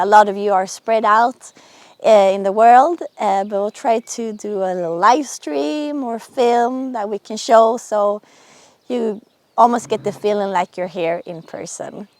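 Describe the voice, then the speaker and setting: Woman, mid-pitched, casual vlog host, talking to viewers, dry sound. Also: a little slow, a little mellow, no room sound. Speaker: sailing and boat-building vlogger, host.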